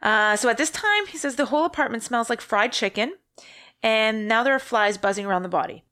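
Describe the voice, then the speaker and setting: A woman's voice: on the high side, lively intonation, brisk, fairly bright tone, smooth, no room sound, clean studio sound. A woman co-hosting a podcast, casually recounting a true-crime story and often correcting herself mid-sentence. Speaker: podcast co-host.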